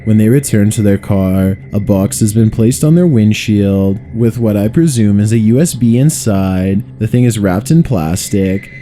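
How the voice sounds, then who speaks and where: A man with a very mellow, dark, lowish voice reads scripted countdown narration. He tells the stories in a measured way and drops eerie rhetorical questions. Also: a little hiss or hum. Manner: measured storytelling with spooky questions. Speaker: narrator of a paranormal countdown video.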